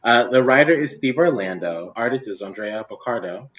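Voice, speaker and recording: A man's voice: mid-range voice, animated, normal speed, dull audio, slight background noise. A man hosting a podcast in a casual, chatty style. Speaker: podcast host.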